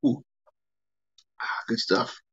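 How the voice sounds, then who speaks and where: A man's voice: takes it slowly, lo-fi sound. A tired man, chatting casually on a live stream and answering comments from viewers. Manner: rambling, relaxed, reads and answers chat comments. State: tired, yawning.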